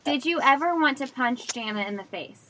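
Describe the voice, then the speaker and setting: A woman's voice: sits high, lively intonation, a little fast, bright, forceful tone, no echo. A woman hosting a podcast, asking curious, teasing questions and laughing easily. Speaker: podcast host. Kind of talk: casual interview chat.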